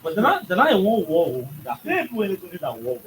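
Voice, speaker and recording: A Liberian radio host with a Liberian English accent, his voice sitting a little high for a man. He talks back at the clip in a mocking, scolding way. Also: huge pitch swings, a little fast, slight background noise, rough recording. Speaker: radio show host and commentator. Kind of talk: sarcastic on-air commentary.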